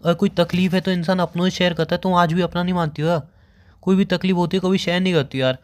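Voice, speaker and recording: A man's voice: sits high, steady tone, quick pace. A young man on a staged phone call as a boyfriend, pressing again and again with insistent, scolding questions.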